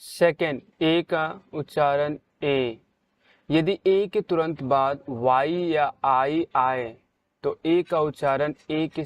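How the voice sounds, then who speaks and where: Slow, deliberate male reading teacher. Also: a little high, no echo. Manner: slow and deliberate, stressing each example word loudly. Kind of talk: slow spelled-out pronunciation lesson.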